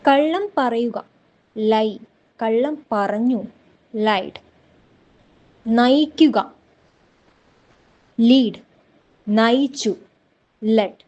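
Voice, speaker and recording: A woman with a slightly high voice leads a vocabulary lesson. She speaks at a very slow, measured pace, saying each word separately so listeners can repeat it after her. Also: a little mellow, muffled recording. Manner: slow, deliberate, drills words one at a time. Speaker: English teacher.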